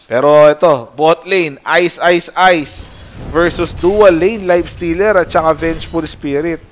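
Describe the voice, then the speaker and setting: A young man casting a video game match, joking with his co-caster and shouting at big plays. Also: a little high, a little slow, faint music behind. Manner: joking banter, bursts into loud excitement on big plays. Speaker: esports caster. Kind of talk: play-by-play commentary.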